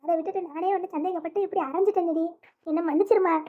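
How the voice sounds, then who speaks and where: Someone playing a sorry loving mom, coaxing fast, thin phone-line sound. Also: very high-pitched, steady tone. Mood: remorseful. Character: loving, remorseful middle-aged mother.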